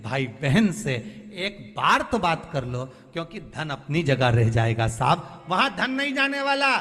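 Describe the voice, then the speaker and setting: A man's voice: a little high, sing-song, a little slow, pushed and bright. A man preaching a devotional sermon, pleading and emphatic, repeating phrases for stress. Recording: long hall reverb, faint music behind.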